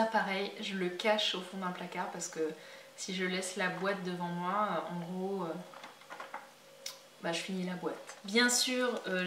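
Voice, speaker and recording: Chatty woman with lots of fillers. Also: mid-range voice. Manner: chatty, hesitant with many fillers. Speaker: beauty and lifestyle vlogger. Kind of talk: casual haul video chat. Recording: roomy home recording with faint background noise.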